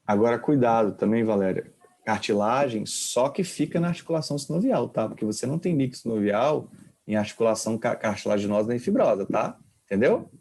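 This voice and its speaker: A male professor with a gravelly, fry-tinged voice talks through an anatomy topic in a loose, informal way. He keeps tossing questions at his students as he goes. His pitch sits at an ordinary middle level. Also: animated, fairly quick, a little mellow. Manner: casual, quizzes students with questions. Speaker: kinesiology professor. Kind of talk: informal lecture.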